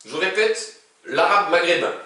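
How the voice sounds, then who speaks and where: Man, teacher, casual lesson, chatty, lively up-and-down delivery, heavy room echo. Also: sits high, measured pace, far from the mic. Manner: casual and chatty, with conjugations recited in a row. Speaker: Arabic teacher. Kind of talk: informal language lesson. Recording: very echoey room, speaking from away from the mic.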